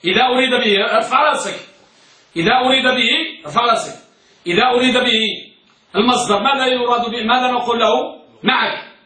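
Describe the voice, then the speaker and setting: A man's voice: very high voice, fast, sharp tone. A man teaching a class, quizzing students with repeated questions and urging them to speak up. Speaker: teacher of hadith. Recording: echoey room, voice from far off.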